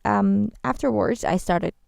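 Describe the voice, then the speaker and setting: A woman from Ghana guests on a radio show, chatting bubbly and rambling with frequent restarts in a casual studio interview. Her mid-range voice is gravelly, a little mellow and slightly slow, captured cleanly on a studio microphone without echo.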